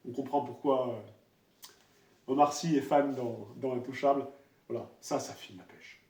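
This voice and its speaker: A man's voice: mid-range voice, moderate pace. Man casually showing his records, roomy sound. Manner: relaxed, hesitant, many fillers and restarts. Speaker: vinyl collector presenting records. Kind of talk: casual vinyl haul presentation. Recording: roomy echo, voice a bit far from the mic.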